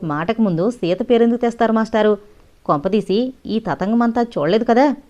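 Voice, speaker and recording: A woman's voice: fairly high pitch, fairly quick, dark tone, voice pushed up, lightly acted. A woman voicing a bold young woman who speaks with sarcastic defiance, in an audio novel. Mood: defiant. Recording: dull lo-fi audio.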